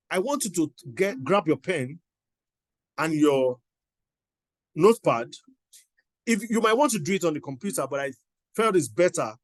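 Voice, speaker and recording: A man's voice: a little high, no echo. A middle-aged man giving a motivational teaching talk, emphatic and repeating his exhortations. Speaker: motivational coach.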